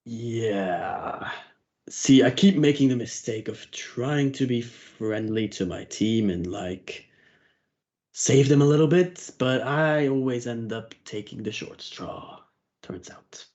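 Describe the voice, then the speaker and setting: A man chatting casually and a bit haltingly as a player in a tabletop role-playing game. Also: medium pitch, a little mellow. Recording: dull lo-fi voice mic.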